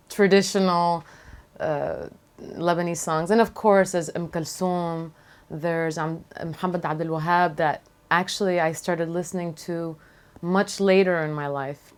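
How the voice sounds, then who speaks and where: A Venezuelan singer-songwriter, a woman, reflects during an interview in a deep, clean-toned voice. She speaks thoughtfully and haltingly, frequently stopping mid-phrase.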